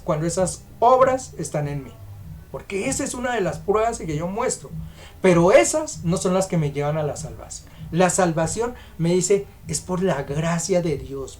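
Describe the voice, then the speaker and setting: A man preaching a sermon, emphatic and questioning, putting rhetorical questions to the congregation. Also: high voice.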